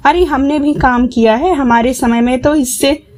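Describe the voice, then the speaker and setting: Lady doing a nasty old mother-in-law, yelling insults, highish voice. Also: fairly even intonation, moderate pace. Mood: scolding. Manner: shrill taunting scolding. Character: harsh scolding older mother-in-law.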